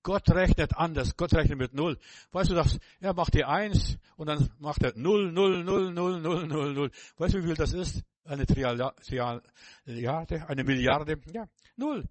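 A man preaching a sermon, emphatic and repetitive, speaking straight to the listener and swinging between loud exclamations and hushed passages. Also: fairly high pitch, animated, measured pace, hardly any pauses, dry recording.

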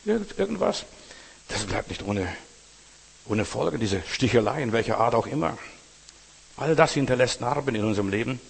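Male preacher, husky and earnest, sermon addressed to "you", long hall reverb. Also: mid-range voice, animated, normal speed, pauses often. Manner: earnest, addresses listener directly, repeats words.

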